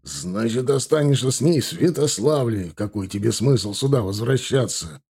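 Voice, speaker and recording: A man voicing a furious middle-aged husband who hisses his words slowly and menacingly. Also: medium pitch, darkish tone, husky. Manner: hissing, menacing, slow.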